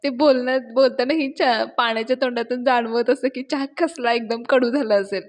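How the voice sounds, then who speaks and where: A woman's voice: fairly high pitch, brisk. Chatty woman retelling a TV episode. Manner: chatty, animated, addresses listeners. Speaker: TV serial reviewer. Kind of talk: casual storytelling recap.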